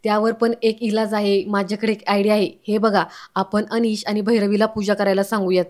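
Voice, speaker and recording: A man's voice: sits high, flat delivery, brisk, lightly acted. A woman voicing a sly, scheming middle-aged man from the housing society, talking in a persuasive way.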